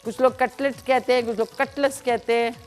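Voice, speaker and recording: A woman's voice: a little high, flat delivery, a little fast, faint music behind. A woman hosting a live cooking show in a Pakistani Urdu accent, chatting with callers and explaining each step as she cooks. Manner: chatty, demonstrative, explains recipes while cooking.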